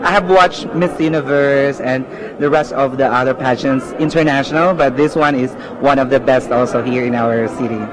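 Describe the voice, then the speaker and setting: A man's voice: medium pitch, moderate pace. A man chatting casually as an interviewed guest and pageant fan. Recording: noisy crowded outdoor event.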